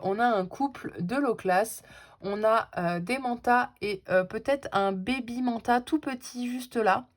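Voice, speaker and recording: A woman giving casual, chatty commentary as she opens trading card packs, with frequent hesitations and fillers. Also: a little high. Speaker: card-opening vlogger.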